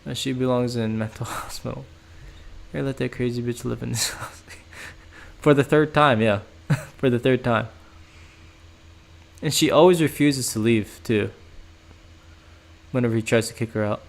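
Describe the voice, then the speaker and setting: This young man's medium-pitched voice carries vocal fry at normal speed, and he pauses often. Streaming from home, he reacts to chat in a rambling, casual way, full of "like," "bro," and frequent laughter.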